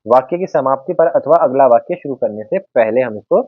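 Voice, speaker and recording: A man's voice: mid-range voice, animated, fairly quick, dry recording. A man teaching a Hindi grammar lesson over slides, who explains with everyday examples and speaks to viewers as friends. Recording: dry, narrow phone-like sound.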